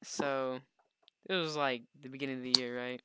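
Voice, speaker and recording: A man's voice: medium pitch, steady tone, moderate pace, crowd noise. A young American man talking like a frat bro, chatting and telling stories casually on a podcast. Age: young adult. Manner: frat-bro slangy talk, bro and yeah. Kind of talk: casual podcast chat and storytelling.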